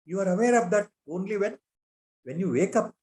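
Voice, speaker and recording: A man's voice: high voice, animated, fairly quick, a little mellow. A man with an Indian accent gives a spiritual discourse, reciting Sanskrit verses and asking repeated rhetorical questions. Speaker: spiritual teacher.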